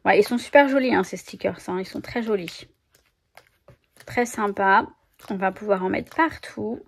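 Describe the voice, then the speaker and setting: Talking to her viewers while handling a batch of new stickers, a woman who vlogs about scrapbooking keeps it chatty and casual for a haul video, often correcting herself mid-sentence. Her gravelly voice is medium in pitch and moves at a normal speed.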